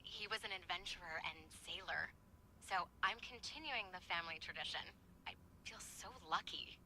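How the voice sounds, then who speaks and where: Very bright, eager young historian woman. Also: on the low side, normal speed, low-quality recording. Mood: warm, hopeful. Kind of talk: video game dialogue. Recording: game audio with faint ambient noise.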